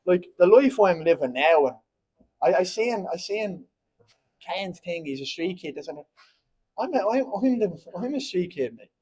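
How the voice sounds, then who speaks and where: In a rough recording, a young Irishman in his twenties with a Dublin accent speaks unhurriedly in a high-pitched, husky, darkish voice with animated delivery. Blunt and heated at a post-fight press conference, he rambles and keeps asking "you know what I mean."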